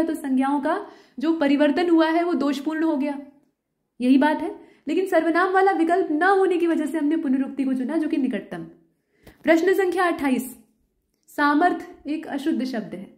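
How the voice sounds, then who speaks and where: Woman, grammar teacher, high pitch, patient questioning delivery, roomy echo. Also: darkish tone. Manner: explains step by step, asks the listener questions. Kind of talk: exam-prep lesson.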